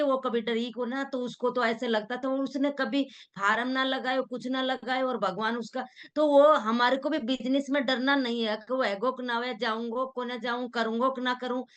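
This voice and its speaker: A middle-aged woman speaks in a fairly high voice, giving a motivational talk. She sounds earnest and homespun, drifting between plain Hindi and local dialect.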